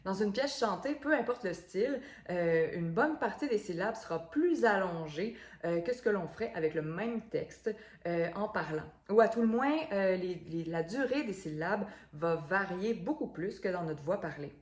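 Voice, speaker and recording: A woman's voice: mid-range voice, animated, normal speed, reverberant. A woman, a voice coach explaining things in an instructional video, with frequent fillers and repeated words.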